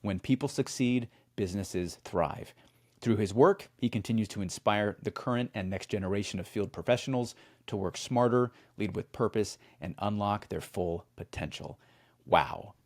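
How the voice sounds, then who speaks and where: A lower-voiced man co-hosting a podcast, relaxed in banter but brisk and upbeat when reading the promo. He sounds like a practiced announcer reading a guest bio. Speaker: podcast co-host. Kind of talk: casual chat and read-out show promo.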